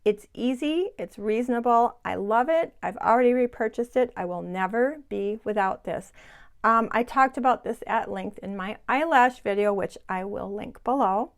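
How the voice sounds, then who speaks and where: A woman's voice: fairly high pitch, moderate pace. A woman in her sixties, chatting casually and enthusiastically to viewers as she reviews beauty products at home. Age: 60s. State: sweating in the heat. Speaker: beauty vlogger. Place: home, hot room without air conditioning.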